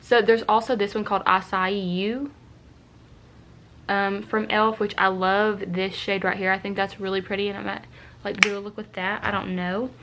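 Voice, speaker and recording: A woman's voice: medium pitch, flat delivery, moderate pace, fairly bright tone, a little hiss or hum. A woman, chatting casually and rambling through a makeup tutorial at home, a little congested. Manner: chatty and rambling, many fillers. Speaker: beauty vlogger. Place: home room, indoors.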